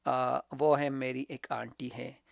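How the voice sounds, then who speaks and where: Slow, gravelly man teaching. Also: mid-range voice, level tone, dry recording, highs cut off. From Khyber Pakhtunkhwa, Pakistan. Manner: repeats words slowly, mixing Pashto, Urdu and English. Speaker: English teacher. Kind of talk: casual spoken lesson.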